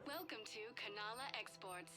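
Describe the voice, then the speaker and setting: A woman's voice: on the high side, animated, normal speed, natural voice. A woman playing a polite store kiosk greeter in a video game, giving courteous, formal sales patter. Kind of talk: scripted shop announcement in a video game.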